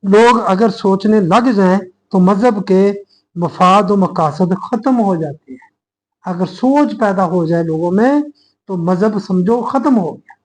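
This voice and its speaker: A man with a Pakistani Urdu accent delivering an earnest, explanatory sermon-style lecture, addressing listeners as brothers and pausing to restart his thoughts as he reasons aloud. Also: high-pitched, low-quality recording. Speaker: religious speaker.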